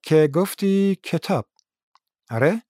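Man voicing a soft-spoken polite gangster. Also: sits high, animated, dry recording, clean studio sound, pitched above the performer's own voice. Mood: quietly menacing. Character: suave polite menacing middle-aged male gangster.

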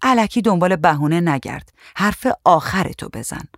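A man reading a story aloud and voicing a sharp-tongued young wife with curt, quick retorts. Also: sits high, animated, no echo, clean studio sound, pitched above the performer's own voice.

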